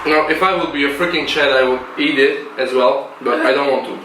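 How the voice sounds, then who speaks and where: A man's voice: mid-range voice, steady tone, a little fast, bright, forceful tone, a little hiss or hum. A man chatting casually through a spicy food challenge, emphatic and repetitive, teary with his mouth burning from the heat. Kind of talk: casual chat during a spicy noodle challenge. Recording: echoey room, distant mic, music behind.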